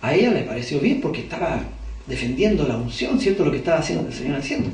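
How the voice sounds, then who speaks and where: A man's voice: fairly high pitch, big pitch swings, fast, a little mellow, slight background noise. A man preaching as a pastor, talking conversationally and often asking the congregation rhetorical questions. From Chile. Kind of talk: sermon. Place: church hall. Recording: echoey church hall, distant mic. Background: congregation responding.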